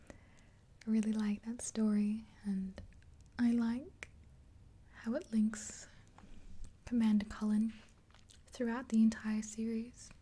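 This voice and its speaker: A woman in her twenties plays a makeup artist in an ASMR roleplay, whispering gently and breathily in soft, rambling, unhurried chat. Her fairly high voice has a breathy edge, recorded in a small indoor room on a close mic with her face near the camera.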